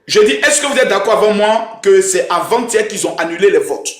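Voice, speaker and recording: A young man runs a live stream with loud, emphatic energy and keeps repeating chants to his viewers. His voice sits high. The sound bounces around an echoey room. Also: animated, a little fast. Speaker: livestream host. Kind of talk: hyped live-stream talk.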